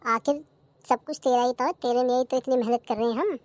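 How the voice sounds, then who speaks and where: A woman's voice: fairly high pitch, steady tone, a little fast, heavy background noise, lightly acted. Woman voicing a stingy bickering village husband. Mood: soothing. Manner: scolding, mock-dramatic. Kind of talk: cartoon comedy voice acting.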